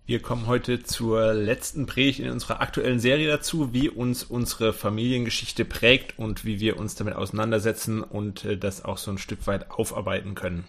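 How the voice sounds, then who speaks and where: A man's voice: lowish voice, steady tone, moderate pace, gravelly, few pauses, a bit bright. A man who is the pastor, opening his sermon in a conversational way with some filler sounds.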